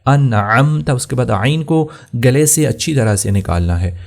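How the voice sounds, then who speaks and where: A man teaching tajweed, explaining plainly and then chanting verses slowly and drawn out. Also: medium pitch, lively intonation, gravelly, warm tone. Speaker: Quran recitation teacher. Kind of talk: tajweed lesson with slow chanted recitation.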